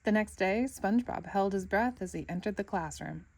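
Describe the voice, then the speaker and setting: A woman reads a children's storybook aloud, narrating expressively. Her pitch sits in the middle range and she reads at a normal pace.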